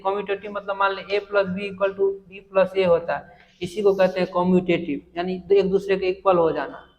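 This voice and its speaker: A high-pitched man gives a blackboard math lecture. He teases his students and repeats key phrases slowly to drive them home. His voice rings with the long reverb of an indoor classroom. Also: lo-fi sound. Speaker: math teacher.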